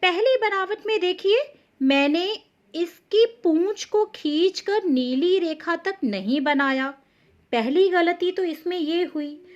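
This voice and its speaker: A woman's voice: very high-pitched, expressive, takes it slowly, lo-fi sound. A woman teaching how to write Hindi letters. She speaks patiently, repeating points and stressing each correction. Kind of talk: slow explanatory lesson.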